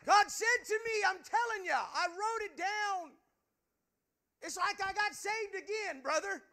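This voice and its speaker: A man's voice: very high voice, unhurried, creaky, pushed and bright. A male preacher giving an impassioned sermon in a church, earnest and stammering over repeated words. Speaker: preacher, pastor.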